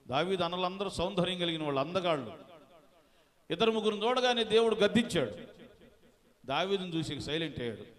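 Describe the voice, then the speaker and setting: Man, pastor, sermon, high voice, echoing church hall. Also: lively intonation, brisk, long pauses. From India. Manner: preaching, calling on the congregation to respond; mixes in English words. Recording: long hall reverb.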